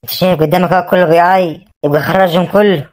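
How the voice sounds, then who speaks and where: A woman with an Egyptian accent voicing a hard-hearted mother who scolds her mourning children in an animated drama. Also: fairly low pitch, very fast, natural voice. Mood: scolding. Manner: cold, scolding.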